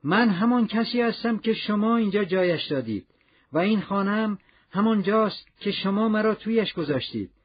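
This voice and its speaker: A man voicing an excitable, chatty old male gardener with a trembling voice, in a dull lo-fi recording. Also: high voice, slightly rough, voice pushed up. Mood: astonished. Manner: exclaiming, rapid questions.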